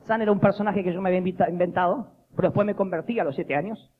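A man preaches in a lively, joking storytelling style and acts out the voices he quotes. His voice sits high. The recording sounds dull and lo-fi, with faint noise behind him. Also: racing.

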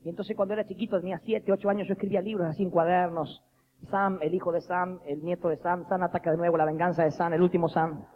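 A man preaching a lively, jokey sermon, acting out the voices he quotes. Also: high voice, fast talker. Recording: dull lo-fi recording with faint noise.

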